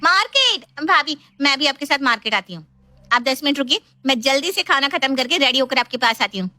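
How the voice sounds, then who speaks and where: A sharp-tongued young woman from a cartoon story, whining and bossing in a high, squeaky voice, put on by a woman narrator. The voice is dry and close, with no room around it. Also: expressive, brisk, no room sound. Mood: eager.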